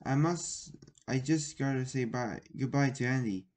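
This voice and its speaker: A man's voice: mid-range voice, a little slow, darkish tone, close to an everyday voice. A dreamy, lovestruck boy speaks earnestly, as a man reads his part aloud. It sounds like an everyday storybook reading, with nothing put on. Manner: plain read-aloud dialogue.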